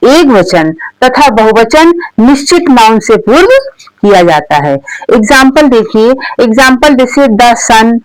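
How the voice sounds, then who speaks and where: A woman teaching English grammar, asking questions and answering them herself, repeating each point, checking in with frequent "okay"s, and saying the English example words slowly. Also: a little high, no echo, low-quality recording. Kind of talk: explanatory grammar lesson for learners.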